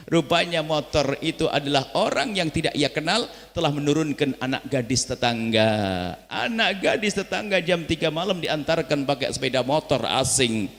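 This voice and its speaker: Impassioned preacher man in echoing hall. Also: fairly bright tone. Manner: impassioned, surging into high emotional pleas. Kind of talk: sermon. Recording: long reverb of a large hall.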